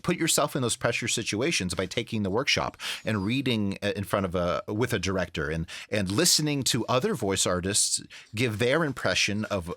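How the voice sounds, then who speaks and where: A man talking casually in an interview about his work, earnest and a bit halting, repeating words for emphasis. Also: fairly low pitch, fairly bright tone, no echo. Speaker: voice-over artist, interview guest. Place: home studio.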